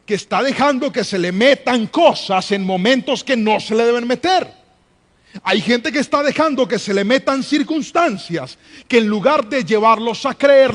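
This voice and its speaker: High-voiced emphatic preacher. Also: male voice, lively intonation, a little slow. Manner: emphatic, repeats refrains and calls on the congregation. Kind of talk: live sermon. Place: church.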